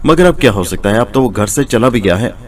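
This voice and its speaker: A man voicing a meddlesome, scolding blacksmith's wife in a storybook tale, in a raised, shrill voice. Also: animated, fairly quick, distant mic, natural voice. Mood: scheming. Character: scheming, nosy woman, blacksmith's wife.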